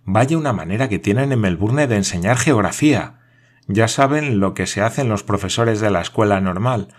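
A man voicing an excitable, middle-aged French geographer who exclaims in theatrical amazement. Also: fairly low pitch, normal speed. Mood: mocking.

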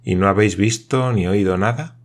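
A man voicing a calm, patient nobleman in an audiobook, asking measured questions. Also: lowish voice, natural voice. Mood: calm grave.

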